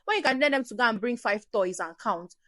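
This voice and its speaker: A woman hosting a parenting advice show, answering viewer questions in an animated way and acting out shouting parents. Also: fairly high pitch, a little fast, no echo. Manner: animated, acts out shouting parents, drops to soft emphasis.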